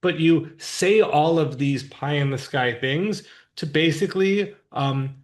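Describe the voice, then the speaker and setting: A man's voice: a little high, slow. A man co-hosting a podcast, explaining politics in a casual, thoughtful, plain-spoken way. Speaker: podcast co-host. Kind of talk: casual discussion.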